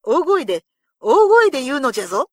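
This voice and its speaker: A woman's voice: medium pitch, big pitch swings, normal speed, fairly bright tone, no echo, clean studio sound. A woman voicing a proud older male feudal lord who gives orders in a commanding storybook voice. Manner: commanding, gruff and pleased.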